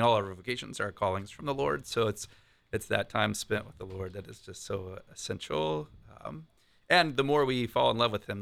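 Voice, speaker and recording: Guy priest on a radio interview, bit of fry in his voice, bright, encouraging, feels his way through sentences. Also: on the low side. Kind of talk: unscripted radio conversation.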